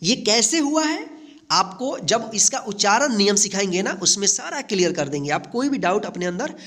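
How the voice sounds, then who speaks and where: A woman's voice: mid-range voice, animated, normal speed, a bit bright. A woman teaching a beginner's English lesson, spelling out letters one by one, asking questions and repeating each answer. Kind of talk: step-by-step spoken English lesson.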